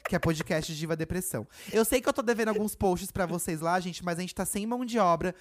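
A man co-hosting a podcast in casual chat, talking loud when he gets excited. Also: sits high, fast talker. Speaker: podcast co-host.

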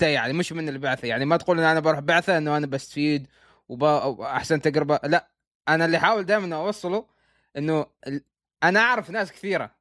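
A man's voice: fairly high pitch, a bit bright, dry recording, studio quality. A man with a Gulf Arabic accent chatting casually as an interviewer. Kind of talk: casual chat.

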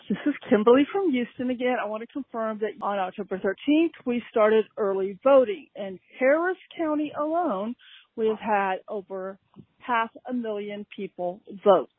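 Lady leaving a voicemail, dry tinny phone sound, brisk and rattling off numbers. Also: on the high side, husky, dry recording. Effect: voice message played over a phone line. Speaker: podcast listener caller. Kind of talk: voicemail update.

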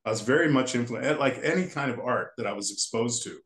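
A man's voice: mid-range voice, a little fast, a bit bright. Man in his 60s just rambling thru old stories, keeps restarting, kinda echoey room. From United States. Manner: rambling, restarts sentences often. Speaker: guest, character designer. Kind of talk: casual storytelling interview.

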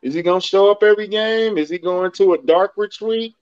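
A man's voice: high-pitched, fairly quick, a little mellow, clear, resonant tone, no echo, dull audio. A man co-hosting a sports podcast, talking blunt and slangy in casual chat with jokes. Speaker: podcast co-host.

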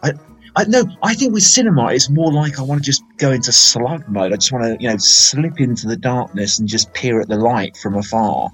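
A man's voice: mid-range voice, animated, fairly quick, fairly bright tone, faint music behind, poor audio. A man, hosting a casual film podcast and talking in a rambling, chatty way full of fillers. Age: 40s. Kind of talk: casual film chat, live-streamed.

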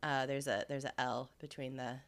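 A woman's voice: a bass voice, little pitch movement, normal speed. A woman podcast co-host chatting casually, her voice stuffy from a cold. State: sick with a cold.

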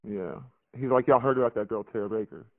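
A man, recalling a past event in a rambling, halting way full of fillers and restarts. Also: on the low side, no echo. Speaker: interviewee recounting a past event. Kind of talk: casual recollection on a phone interview. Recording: tinny phone line, dry.

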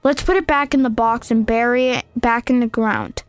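Brief: protective little brother, voiced by a woman, high, dry close sound. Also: moderate pace, dry recording, soft background music, close to an everyday voice. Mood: concerned. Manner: earnest, concerned. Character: young boy, protective older brother.

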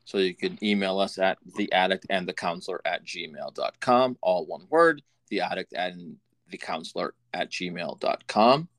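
Deep-voiced man rambling on a podcast. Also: a bit bright, no room sound. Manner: rambling and halting, with many restarts. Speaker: podcast co-host. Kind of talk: casual podcast chat.

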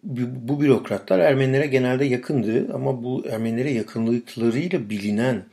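A man from Turkey with a slightly hoarse voice, giving informal solo political commentary as a podcast host and haltingly searching for his words. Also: mid-range voice, warm tone.

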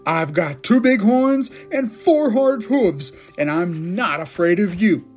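A woman voicing a big, heavy, fearless billy goat in a storybook, loud, bold and booming. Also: lively intonation, slow, faint music behind. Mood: defiant.

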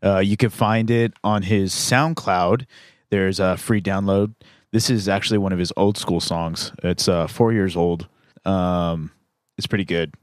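A man with a fairly low voice hosts a podcast in an easygoing, rambling way, full of ums and uhs. His voice is close and dry, with no room sound around it. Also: steady tone, a little slow, no room sound. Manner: loose and rambling, with many fillers. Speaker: podcast host. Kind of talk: casual podcast chat. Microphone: studio mic in a booth.

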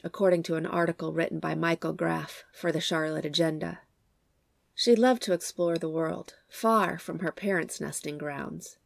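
Female true crime podcast host, lowish congested croaky voice with a cold, gravelly edges, scripted storytelling. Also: no echo, clean studio sound.

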